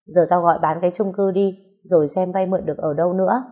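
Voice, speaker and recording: A woman's voice: lowish voice, steady tone, fast talker, dark tone. A woman reading the part of a firm, earnest middle-aged man pressing his mother. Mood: grave. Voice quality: earnest, persuasive.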